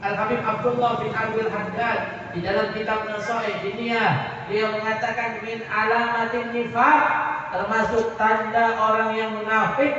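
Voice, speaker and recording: A man with a Javanese accent preaching a lively sermon, telling stories and firing rhetorical questions at his audience. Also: high-pitched, a little slow, a little hiss or hum. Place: large hall at a religious gathering. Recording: echoey hall recorded from far off, dull.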